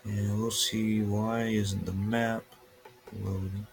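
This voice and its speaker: Low-voiced man narrating weather casually. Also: level tone, slow, slight background noise. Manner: loose and unscripted, talking through his screen while he waits on it. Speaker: weather livestreamer. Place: upstairs room at home. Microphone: webcam.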